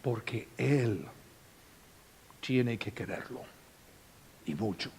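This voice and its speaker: Slow, expressive male preacher. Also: on the low side, slight background noise. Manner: expressive preaching, dramatic swings in volume. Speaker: pastor. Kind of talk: sermon.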